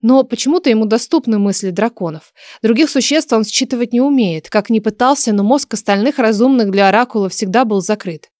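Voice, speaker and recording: A woman reading a fantasy audiobook as narrator, in an even storytelling manner. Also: fairly high pitch, brisk, no echo, clean studio sound. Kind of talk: scripted narration.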